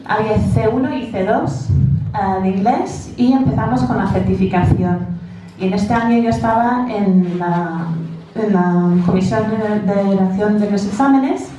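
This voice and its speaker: A woman with a non-native, English-speaking accent in Spanish gives an informal conference presentation as a teacher, haltingly searching for words. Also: mid-range voice, dark tone. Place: large echoey indoor room. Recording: very echoey room, distant mic, faint noise.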